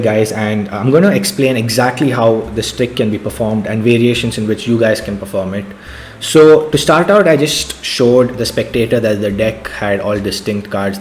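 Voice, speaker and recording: Man doing casual card magician patter, noisy recording. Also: on the low side. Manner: conversational, addressing spectator and viewers directly. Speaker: card magician giving a tutorial. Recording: clear background noise.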